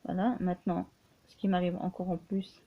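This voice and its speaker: A woman vlogging casually, speaking haltingly with many restarts and fillers, often tired and short of breath. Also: fairly low pitch, level tone. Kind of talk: casual personal vlog. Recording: tinny phone-like sound.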